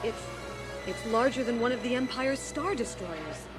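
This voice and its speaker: Woman as rebel princess: high voice, earnest and authoritative, science fiction radio play, orchestral music underneath. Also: expressive, normal speed, close to an everyday voice. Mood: urgent briefing. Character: determined rebel princess and leader, a caring mother. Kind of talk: audio drama acting over orchestral score.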